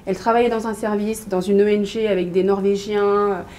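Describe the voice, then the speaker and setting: A woman in her thirties from Mali, a business coach and guest on an interview, speaking casually with many pauses and fillers. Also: mid-range voice, slight background noise. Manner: hesitant, many fillers and restarts, lively storytelling.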